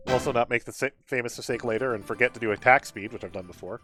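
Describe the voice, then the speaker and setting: A game streamer delivers chatty, casual live commentary full of wry asides, sometimes switching to reading on-screen text aloud. His mid-range voice is very fast and a bit bright, with video game music playing behind him.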